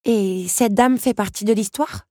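A woman voicing a gentle young woman guest who speaks courteously. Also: mid-range voice, a little slow, no room sound, studio quality, voice pushed up, natural voice. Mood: polite. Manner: courteous, soft-spoken.

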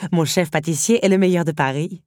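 A woman playing a shrill, grandiose countess. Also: brisk, a little mellow, dry recording, studio quality, lightly acted. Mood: effusive. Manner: theatrical, gushing, turns shrill and commanding. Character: grand, excitable, imperious countess hostess.

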